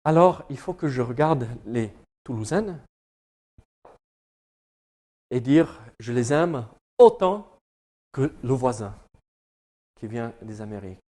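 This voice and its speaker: A male pastor with a mellow, mid-range voice preaches in French with an English-speaking accent during a church service. He's animated yet slow, pausing often, joking and chatting with the congregation amid frequent hesitations.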